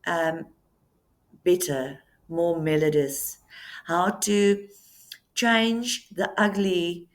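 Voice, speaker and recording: An Afrikaans-speaking author introduces her book to camera in an informal chat, recorded in a coastal town in Namibia. Her lowish voice holds a steady tone, though her speech is slow and hesitant, full of ums and pauses.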